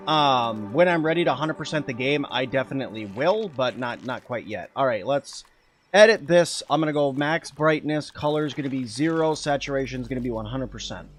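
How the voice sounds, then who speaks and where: A man's voice: fairly high pitch, animated, moderate pace, soft background music. A man streaming a game live, talking casually as he plays and answering chat. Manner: chatty, answers chat while playing. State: eating while talking at times.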